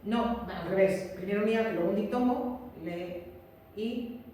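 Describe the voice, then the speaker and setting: A woman's voice: mid-range voice, a little fast, mellow. A woman teacher giving a classroom lecture, explaining patiently, repeating key points and checking that her students follow. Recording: roomy echo, distant mic, faint room noise.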